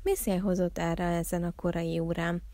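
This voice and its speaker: A woman voicing a cheerful, chatty female frog in a storybook reading, croaky and chirpy as she boasts. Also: on the low side, flat delivery, dark tone, no echo, natural voice. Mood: friendly.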